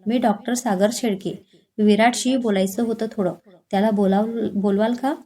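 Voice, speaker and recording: A woman's voice: medium pitch, steady tone, moderate pace, warm tone, natural voice. A woman voicing a courteous man in his forties, a doctor, in a spoken storybook.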